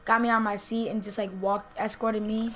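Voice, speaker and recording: A teenage vlogger telling a story casually and acting out the quotes with lively energy. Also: female voice, mid-range voice, moderate pace. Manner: animated, acts out quotes.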